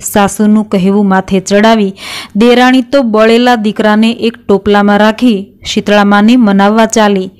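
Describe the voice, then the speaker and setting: A middle-aged woman tells a devotional folk tale at an even, unhurried storyteller's pace. Her voice is smooth and clear, sitting at an ordinary middle pitch. She reads the characters' lines in the same plain voice she uses for the narration. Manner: steady, plain storytelling with quoted dialogue read in the same voice.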